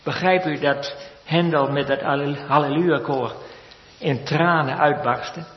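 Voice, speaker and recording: A man preaching a sermon in a church, slow and measured with solemn repetitions. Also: fairly high pitch. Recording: echoey church hall, lo-fi sound.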